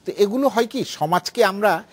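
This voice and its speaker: A man speaking as a guest on a political talk show, lively and full of restarts and asides. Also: high voice, moderate pace. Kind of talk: animated studio discussion.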